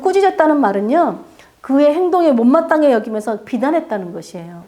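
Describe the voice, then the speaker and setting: A woman's voice: fairly high pitch, mellow. A woman pastor preaching a sermon in a church, asking the congregation questions and acting out quoted voices. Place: church sanctuary.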